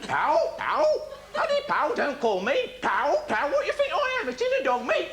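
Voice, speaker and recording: A man's voice: wildly swooping pitch, a little slow, music in the background, full character voice. A man voicing a bullying, sarcastic nineteen-year-old traffic policeman, mocking and hectoring. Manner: mocking, hectoring, big swoops in pitch. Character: bullying sarcastic teenage male traffic cop. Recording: live stand-up with loud audience.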